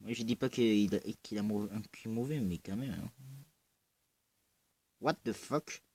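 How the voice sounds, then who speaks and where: A man with a southern French accent giving casual, excitable gaming commentary, often breaking into loud exclamations and swearing. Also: lowish voice, normal speed. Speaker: gamer.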